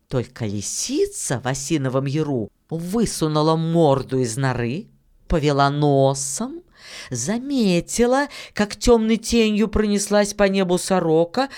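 Storybook narrator, slow pace, mid pitch, calm measured reading. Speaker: audiobook narrator.

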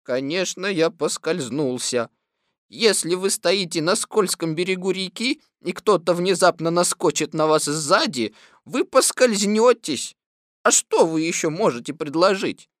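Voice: mid-range voice, lively intonation, fairly bright tone, no room sound, studio quality. A reader voicing a gloomy, grumbling old male donkey in an audiobook. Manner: slow, glum, long-winded. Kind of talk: audiobook reading.

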